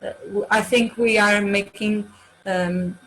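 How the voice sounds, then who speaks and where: A woman's voice: medium pitch, fairly even intonation, slow, a bit bright, a little hiss or hum, low-quality recording. A woman in her forties with a Portuguese accent, introducing herself as a webinar panelist on a video call and often hesitating as she searches for her words in English. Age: 40s.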